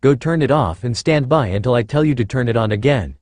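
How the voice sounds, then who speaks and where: A man's voice: medium pitch, animated, brisk, a little mellow, no room sound, close to an everyday voice. A man reading the lines of a brash, sarcastic female inventor in a fan-fiction story, in a clipped manner. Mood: sardonic.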